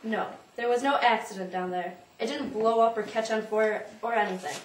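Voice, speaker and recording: A woman's voice: on the high side, steady tone, normal speed, lightly acted. A woman playing a nervous, evasive elderly woman in an audition monologue, rambling and dodging the question, recorded from a distance in a roomy space. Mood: flustered. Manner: rambling, flustered, dodges the question. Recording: roomy, from a distance, faint noise.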